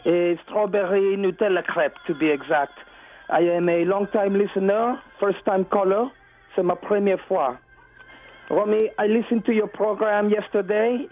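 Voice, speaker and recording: A man's voice: sits high, steady tone, soft background music, natural voice. A man voicing a boastful, theatrical French-Canadian caller with a thick put-on French accent, calling in by phone. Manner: pompous, showy, drawn-out. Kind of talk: comedic call-in bit. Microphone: telephone. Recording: tinny phone line.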